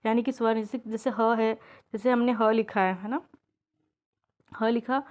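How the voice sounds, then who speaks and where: Casting: female teacher, fairly high voice, patient step-by-step exam-prep explainer who keeps checking understanding. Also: fairly even intonation, darkish tone. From India. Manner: drawn-out example sounds, each said slowly. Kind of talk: exam-prep grammar lesson.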